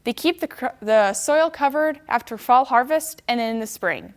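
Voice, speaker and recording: High-pitched young woman giving a stiff rehearsed speech. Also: lively intonation, normal speed. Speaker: youth speech contestant. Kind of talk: prepared contest speech.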